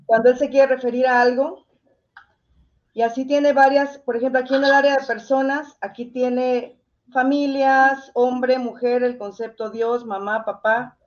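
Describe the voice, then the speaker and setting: A woman with a high voice talks as a guest, explaining step by step in a conversational way. She speaks directly to the host, and the sound is a little dull and lo-fi. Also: little pitch movement, measured pace. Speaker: interview guest and campaigner.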